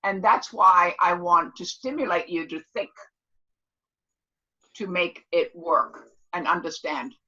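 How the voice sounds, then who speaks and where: A seventy-year-old woman speaks casually and motivationally to her class as their instructor, in a fairly low-pitched voice at a slow pace. She is loud, clear, emphatic and motherly, calling listeners pet names and often repeating herself to check they understand. The recording is muffled.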